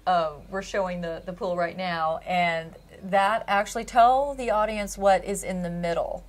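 A woman hosting a casual interview, upbeat, prompting her guest with short questions and a few halting fillers. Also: fairly low pitch, steady tone. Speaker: host.

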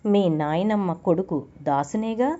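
A woman's voice: fairly low pitch, measured pace, warm tone, lightly acted. A woman voicing a menacing male blackmailer who taunts and threatens over the phone, in a dull lo-fi recording. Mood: taunting.

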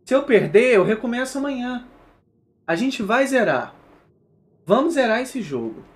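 A Brazilian man streaming live gameplay commentary, excitable and given to repeating himself, switching between yelling at the game and quiet apologies to his chat. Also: very high-pitched, moderate pace. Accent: Brazilian Portuguese. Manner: repeats phrases over and over. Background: music.

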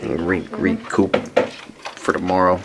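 A man's voice: low-pitched, flat delivery, a little slow, vocal fry, noisy background. A young man chatting casually to camera, joking and laughing often. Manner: laid-back, jokey, laughs often. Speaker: vlogger. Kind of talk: casual vlog chat.

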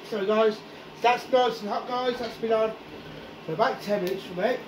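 Cooking at the stove in his home kitchen, a man talks to viewers of his casual cooking show in a high voice with fairly even intonation and a moderate pace. He's chatty, working class in his speech, and says "guys" over and over, while food sizzles and fries noisily around him.

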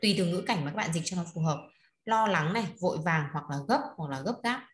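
A woman's voice: fairly low pitch, lively intonation, fast. A woman teaching an online class. She explains words, repeats them and prompts her students to read aloud. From Vietnam. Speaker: Chinese language teacher. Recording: echoey room.

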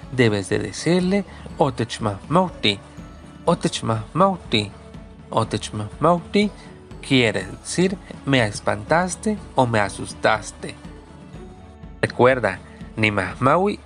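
A man's voice: fairly low pitch, creaky, fairly bright tone. A man teaching a recorded language lesson, speaking patiently and repeating each word three times for the learner.

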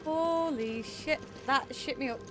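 High-voiced woman streamer, chatty. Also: unhurried, music in the background. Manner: chatty, thanks viewers, shrieks when scared. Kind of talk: live gameplay chat.

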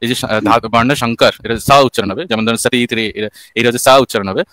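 A man's voice: mid-range voice, fairly even intonation, rapid-fire, fairly bright tone, a little hiss or hum. A man hosting a call-in debate, lecturing a caller with examples and rhetorical questions. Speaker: host answering a caller.

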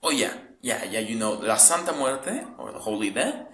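A Mexican man, a local tour guide whose first language is Spanish, answering interview questions in halting English full of "like". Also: medium pitch, very animated, fairly bright tone, roomy sound, low-quality recording. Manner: halting non-native English, frequent "like".

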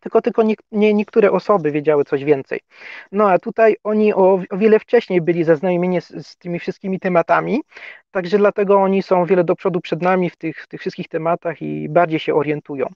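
A man's voice: sits high, brisk, no room sound. A man from Poland chatting as an interview guest over a video call, hesitant, often repeating words and chuckling. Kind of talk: casual conversation. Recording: dull, muffled sound.

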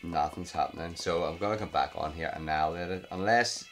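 A man's voice: deep voice, brisk, faint music behind. A man with a Northern Irish accent giving live commentary on a mobile game, exasperated, muttering and swearing at the screen. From Northern Ireland. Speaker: gaming vlogger. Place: home at night.

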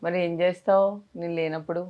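A woman's voice: fairly low pitch, little pitch movement, fast, dull audio, loud music behind the voice. A young woman vlogger, talking tenderly and coaxingly to a small child. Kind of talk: casual vlog chat.

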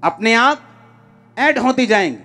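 A man, his voice sitting notably high. He keeps putting rhetorical questions to the crowd in a big outdoor tent. He speaks into a handheld microphone, with faint music underneath. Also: sing-song, measured pace, sharp tone. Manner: emphatic preaching with frequent rhetorical questions to the crowd. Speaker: pastor. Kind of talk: sermon. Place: large decorated outdoor tent before a crowd.

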